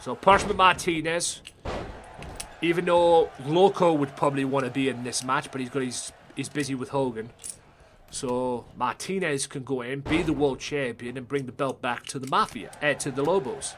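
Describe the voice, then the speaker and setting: A young man doing excitable, swearing live-stream commentary over a game, talking straight to his chat viewers. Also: mid-range voice, normal speed, a little hiss or hum.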